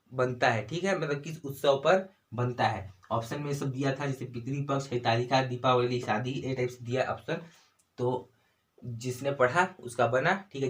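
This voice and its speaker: A man with a Chhattisgarhi Hindi accent teaching an exam-prep lesson, asking himself questions and answering them, with frequent "ठीक है" and "है ना" tags. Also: mid-range voice. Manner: repeats "ठीक है" and "है ना", asks and answers own questions. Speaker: exam tutor.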